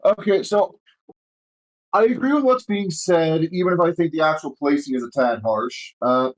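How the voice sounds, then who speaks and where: A male podcast guest with a high voice. He jumps in eagerly, restarting his sentences and dropping casual curses. The talk is loose and opinionated. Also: poor audio. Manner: quick, restarts often, swears casually. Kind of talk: casual chat.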